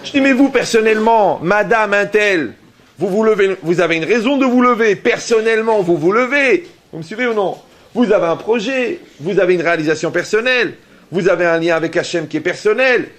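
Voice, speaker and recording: A man's voice: high voice, brisk. A man giving a rabbi's sermon to an audience, telling stories with acted-out dialogue and often asking whether listeners follow him. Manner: lively storytelling with acted dialogue and jokes.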